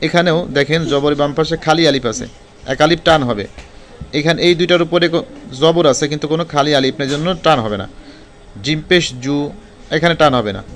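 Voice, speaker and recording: A man teaching Quran reading, spelling out Arabic letters slowly one by one and explaining the rules more quickly. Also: a little high, slight background noise. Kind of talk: spelling-out recitation lesson.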